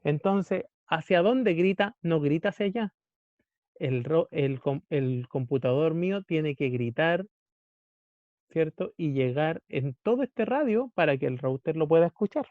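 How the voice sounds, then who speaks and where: A man's voice: on the high side, expressive, unhurried, no echo. A man lecturing a class, often checking in with his listeners and acting out little dialogues between devices. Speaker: teacher. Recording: dull, muffled lo-fi recording.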